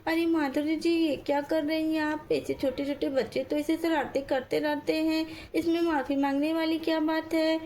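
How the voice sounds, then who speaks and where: A woman's voice: high voice, flat delivery, moderate pace, hardly any pauses, a little mellow, lightly acted. A woman voicing a kind, polite young housewife. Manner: polite, reassuring. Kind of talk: doll story role-play.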